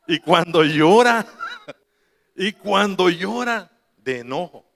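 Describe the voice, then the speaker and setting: A man's voice: sits high, animated, slow pace, gravelly, fairly bright tone, in a large hall. A man preaching a sermon to his congregation, telling a family story with quoted voices and laughing asides. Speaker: pastor.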